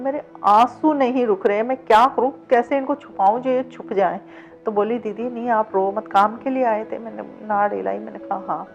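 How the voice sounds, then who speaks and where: A middle-aged woman telling her own life story in an interview, acting out the past conversations as she goes. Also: fairly high pitch. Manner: vivid retelling that acts out past dialogue. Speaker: interview guest, cab driver. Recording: dull lo-fi sound with faint background music.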